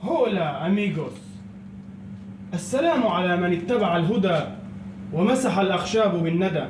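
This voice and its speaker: A man with a high-pitched voice, lively intonation and a slightly fast pace acts in a comedy sketch as a grandiose, self-styled Andalusian craftsman and poet, using lofty formal phrases and Spanish greetings. There's background noise, the room is echoey, and his voice comes from off-mic.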